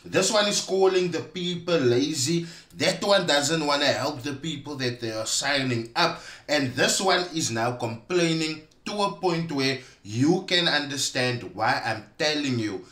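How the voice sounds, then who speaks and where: A man giving pointed reaction commentary, addressing viewers directly with emphatic pauses. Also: a little high, lively intonation, a bit bright. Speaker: commentator exposing online schemes. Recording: roomy, echoey sound.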